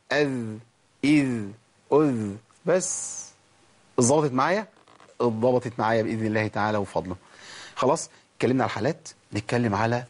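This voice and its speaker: Husky fast-talking Egyptian tajweed teacher. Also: male voice, medium pitch, a little mellow. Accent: Egyptian Arabic. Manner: demonstrates letter sounds slowly, asks questions and answers them himself. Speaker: Quran recitation teacher. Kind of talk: Egyptian Arabic tajweed lesson.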